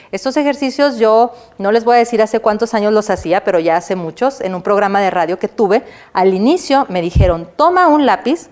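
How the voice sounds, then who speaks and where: A middle-aged woman, a university lecturer giving a recorded online lesson. She asks her listeners questions, answers them herself, and keeps checking in with a quick "right?". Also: mid-range voice, a little mellow.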